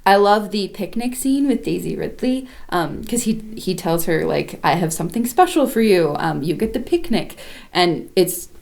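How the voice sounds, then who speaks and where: A woman's voice: on the low side, lively intonation, moderate pace, gravelly, darkish tone. A woman co-hosting a casual film-review podcast, talking enthusiastically and rambling with lots of fillers. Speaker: podcast co-host.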